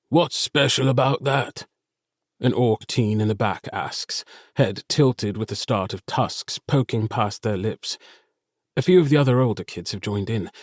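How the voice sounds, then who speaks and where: A man's voice: lowish voice, darkish tone, no room sound, studio quality. Man narrating a cozy audiobook. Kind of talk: first-person audiobook narration.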